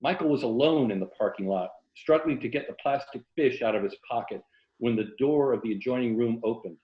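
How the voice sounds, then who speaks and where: An American man from Tampa, Florida, a writer appearing as an interview guest, speaks briskly at medium pitch. He's indoors in an old house on a video call whose audio is roomy and muffled, first chatting casually, then reading from his own novel.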